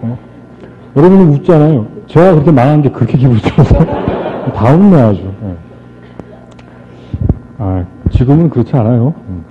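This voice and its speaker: A man's voice: medium pitch, moderate pace, a little hiss or hum. Man telling his story on stage, tinny. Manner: animated, re-enacts dialogue and jokes with the crowd. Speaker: motivational speaker. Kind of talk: storytelling speech to an audience. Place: stage before a live audience. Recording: tinny lo-fi archive recording with faint music.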